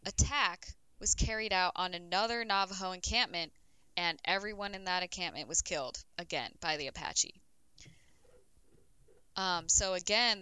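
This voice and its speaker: A woman's voice: mid-range voice, bright, forceful tone, clean tone, dry recording, low-quality recording. A woman co-hosting a casual podcast, telling a history story in a loose, chatty way with plenty of "um"s and the odd swear.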